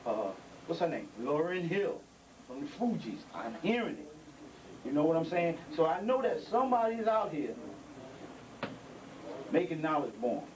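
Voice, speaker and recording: This middle-aged elder is very animated, with a slightly high voice at normal speed broken by long pauses, preaching to youth at a community gathering. He repeats points for emphasis and uses street vernacular, recorded indoors through a distant handheld mic amid background noise.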